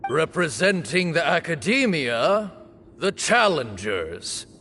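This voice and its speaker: A man voicing a solemn ceremonial master of duels in a fantasy game, proclaiming in formal, measured phrases. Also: fairly high pitch, sing-song, bright, forceful tone, exaggerated voice. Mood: solemn, reverent. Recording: long hall reverb, music behind.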